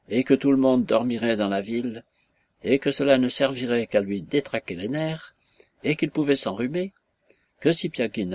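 A man reading a classic novel aloud, his voice husky and mid-pitched. The sound is close and dry, with measured, even storytelling. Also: dry recording. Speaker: narrator. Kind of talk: audiobook narration of a classic novel.

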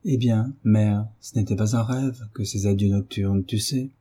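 A guy voicing a troubled young man owning up, urgent, husky and dark. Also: on the low side, steady tone, a little slow. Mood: confessing. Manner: earnest, urgent.

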